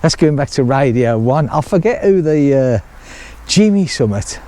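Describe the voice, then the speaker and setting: A man's voice: medium pitch, animated, normal speed, mellow. A middle-aged man chatting casually to camera outdoors, rambling and laughing often as he explains his building work. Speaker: vlogger building a chalet.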